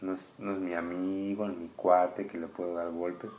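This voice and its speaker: A man's voice: low-pitched, level tone, slight background noise. A man homeschooling his child, patiently explaining a scripture story and asking questions. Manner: patient, asks the child questions, reads passages slowly and louder.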